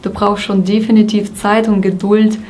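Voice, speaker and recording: A woman teaching a German grammar lesson, saying example sentences slowly and repeating each one. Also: medium pitch, level tone, darkish tone. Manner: slow, deliberate example sentences, repeated twice.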